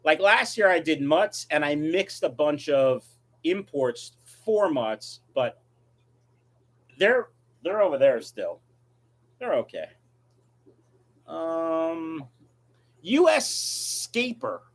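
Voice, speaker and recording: Man with lively, swinging pitch, blunt and offhand. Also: slow, pauses often. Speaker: livestream host, aquarium fish breeder. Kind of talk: casual livestream chat, reading and answering viewer questions.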